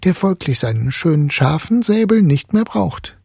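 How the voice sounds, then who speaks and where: A young boy speaks with grave self-importance, like a small commander, as a male reader puts him on. The voice is lifted higher than the reader's own and stays breathy and dry. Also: sing-song, normal speed, darkish tone, no echo, heavily acted. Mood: self-important.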